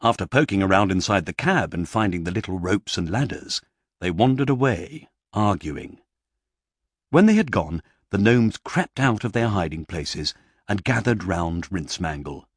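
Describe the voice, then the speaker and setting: Guy reading a kids storybook, pretty low voice, bit husky, dramatic hushed bits. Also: dry recording, clean studio sound. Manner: expressive, with hushed dramatic pauses. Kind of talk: children's storybook narration.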